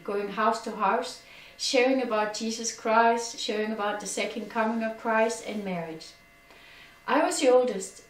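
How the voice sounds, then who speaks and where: Middle-aged Danish woman, earnest testimony, fairly high voice, a little off-mic. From Denmark. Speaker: personal testimony speaker. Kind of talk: personal testimony. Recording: echoey room, distant from mic.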